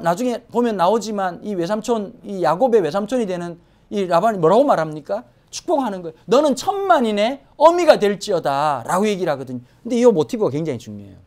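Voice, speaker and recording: A woman pastor preaching a Sunday sermon in a church, swinging from hushed asides to emphatic exclamations. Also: medium pitch. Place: church sanctuary.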